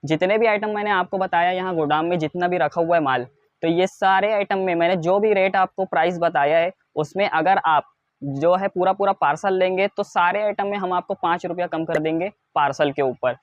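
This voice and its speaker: An Indian man giving a product showcase as a wholesale seller, in a repetitive, insistent sales pitch that stresses low prices. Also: moderate pace, no echo, highs cut off. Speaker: wholesale clothing seller presenting stock.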